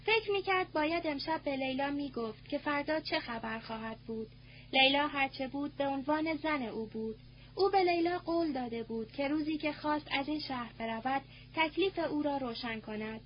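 Woman narrating a novel, high voice. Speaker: audiobook narrator. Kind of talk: scripted narration. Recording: muffled with faint hum.

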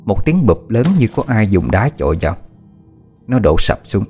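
A low-voiced man narrating a horror tale with lively, rising and falling intonation. His telling is measured and expressive, with faint music playing underneath. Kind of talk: dramatic horror story narration.

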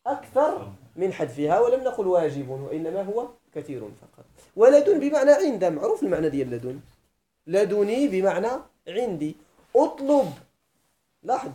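A man with a Moroccan accent teaching Arabic grammar in a classroom lesson, slowly chanting verse lines and putting questions to his students. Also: high-pitched, warm tone.

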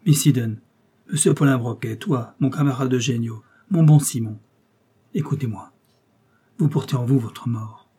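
A violent circus clown, as a man reads him aloud, spitting sarcastic defiance in a raised, forceful, husky voice. He pitches his voice higher and louder than the narration, mellow in tone yet rough at the edges. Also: moderate pace, natural voice. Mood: urgent. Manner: sarcastic, raging, then pleading.

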